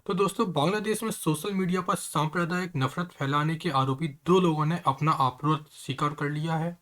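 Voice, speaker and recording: A man with a brisk, fairly bright, higher voice hosts an online news explainer, speaking earnestly and conversationally straight to viewers, whom he keeps calling friends.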